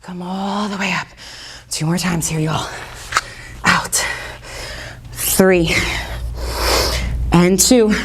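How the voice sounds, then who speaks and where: Female aerobics instructor, winded from exercise, unhurried delivery, motivating rep counts and brief movement cues. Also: lowish voice, steady tone, fairly bright tone, husky. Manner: encouraging, counting out reps in short commands. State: out of breath from exercising. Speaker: fitness instructor. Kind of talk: aerobics instructor cueing a live workout.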